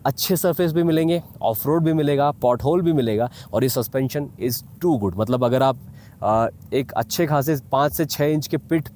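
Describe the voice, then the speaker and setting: Outdoors in a mountain valley, with clearly noisy ambience around him, an Indian motovlogger gives viewers a casual, explanatory review, mixing in English phrases. His voice is mid-range and mellow.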